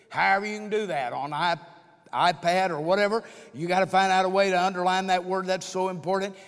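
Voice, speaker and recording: A man's voice: sits high, fairly bright tone. An older man preaching a sermon with folksy humor, telling stories and joking with his audience. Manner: folksy storytelling with jokes and playful asides. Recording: long hall reverb.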